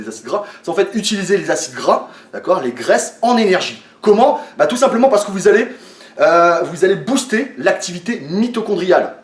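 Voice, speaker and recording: A man explaining a training method to his viewers in a casual way, with lots of fillers and restarts, a little tired. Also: on the high side. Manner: hesitant, many fillers and restarts, addresses viewers as friends. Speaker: fitness coach. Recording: echoey room, from a distance.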